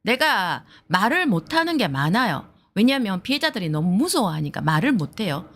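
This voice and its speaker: A woman's voice: mid-range voice, very animated, normal speed, fairly bright tone. A woman talking heatedly to her viewers in a blunt, profane way, acting out the people she quotes. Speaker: streamer giving advice to viewers. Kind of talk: heated casual talk to viewers.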